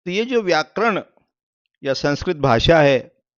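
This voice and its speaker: Guy teaching a class, kinda higher voice, clear and smooth, muffled lo-fi sound, answers his own questions. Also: sing-song, measured pace. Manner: explains step by step, asks and answers own questions. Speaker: vastu teacher. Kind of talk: explanatory lecture. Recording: muffled lo-fi recording.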